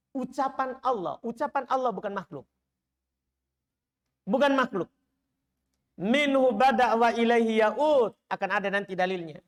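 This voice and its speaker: In a mosque study lecture, an Indonesian man who teaches Islam speaks in a voice that sits high. His style is lively and playful, and he frequently asks the audience rhetorical questions before answering them himself.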